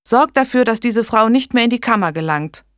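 A woman's voice: mid-range voice, expressive, normal speed, no room sound, studio quality, pitched above the performer's own voice, lightly acted. A woman reading an audiobook and voicing a resolute, caring noblewoman who speaks firmly and protectively. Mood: urgent. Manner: firm, indignant.

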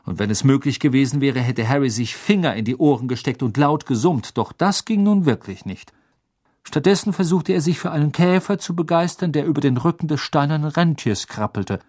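A man reading a fantasy novel aloud as narrator, with expressive storytelling. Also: a little high, a little fast, no echo, studio quality. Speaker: audiobook narrator. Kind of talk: scripted narration.

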